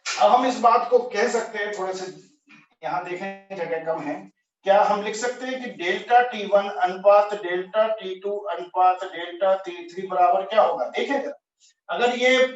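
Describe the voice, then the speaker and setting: High-voiced male teacher in an echoey room. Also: normal speed. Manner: thinks aloud, self-correcting, asks the class. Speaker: physics teacher. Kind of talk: explaining at a whiteboard. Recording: echoey, distant, dull lo-fi room sound.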